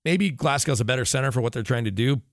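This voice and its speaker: A sports radio analyst talks fast in a mid-range voice, recorded at studio quality with no room sound. In casual conversation he is opinionated and emphatic, often drifting into digressions as he makes his points.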